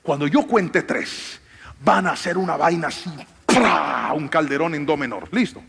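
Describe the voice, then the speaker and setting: A man's voice: on the high side, moderate pace, fairly bright tone, husky. A man preaching a theatrical sermon from a stage, directing volunteers. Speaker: pastor. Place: large church hall with audience. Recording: long hall reverb, faint music.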